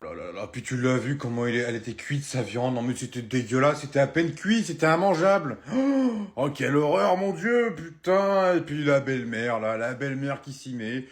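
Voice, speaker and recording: A man's voice: medium pitch, normal speed, hardly any pauses. A man doing a comic sketch monologue and ranting in an exasperated, crude way. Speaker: comedian.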